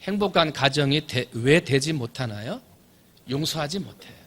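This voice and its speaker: A man who preaches a sermon in a church, telling stories dramatically and swinging from loud to soft. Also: fairly high pitch, animated, normal speed. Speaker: pastor. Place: church sanctuary.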